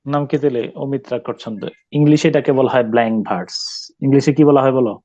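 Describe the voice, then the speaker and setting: A male teacher giving a classroom poetry lesson, questioning students and pausing often to search for words. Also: mid-range voice, mellow, no echo, lo-fi sound. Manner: stops to quiz students, mixes English terms, many hesitations.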